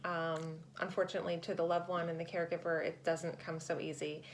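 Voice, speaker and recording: A woman explaining things in a measured, tactful way as a hospice nurse being interviewed. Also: on the low side, level tone, a little hiss or hum.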